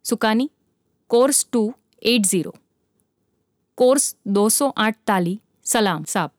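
A woman's voice: on the high side, expressive, slow pace, no echo, clean studio sound. A woman voicing a deferential male ship's helmsman who gives clipped, respectful reports in a storybook reading. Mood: dutiful.

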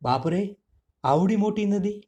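A man voicing a clever little male mouse child in a storybook reading, sounding excited and pleading. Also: a little high, measured pace, lightly acted.

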